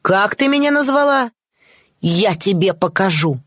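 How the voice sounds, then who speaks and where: A woman's voice: fairly low pitch, lively intonation, moderate pace, no echo, studio quality. A woman reading a story aloud, voicing a cruel, spoiled boy who sneers and threatens. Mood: furious.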